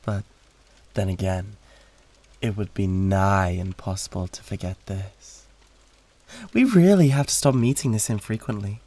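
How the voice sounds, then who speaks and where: A British man voices a demon with a warm, lowish tone, sounding smug and teasing. The character is suave, flirtatious, and condescending, delivered in a haughty drawl as part of a theatrical roleplay audio drama.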